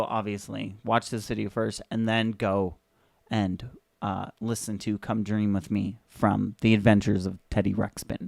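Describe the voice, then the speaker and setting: A man's voice: mid-range voice, vocal fry, darkish tone, no echo, studio quality. Joking young man commenting on old ads. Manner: sarcastic, joking, chatty with many fillers. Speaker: video host.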